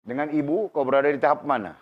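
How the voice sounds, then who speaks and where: A man teaching an informal religious class, quizzing students by name and tagging his points with quick questions, sounding unwell. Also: on the high side. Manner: conversational, questions students by name, frequent tag questions. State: unwell, in pain while talking. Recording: dull lo-fi recording.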